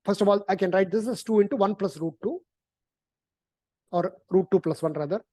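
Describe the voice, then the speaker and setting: A woman's voice: medium pitch, a little fast, dark tone. A woman teaching a math class, explaining in a conversational way, repeating words and often ending sentences with "right?". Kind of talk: online algebra lesson, explaining.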